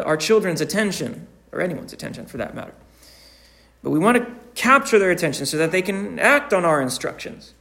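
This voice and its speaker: Male preacher, unhurried sermon delivery, gravelly, frequent restarts. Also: sits high. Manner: slow, deliberate, with frequent restarts.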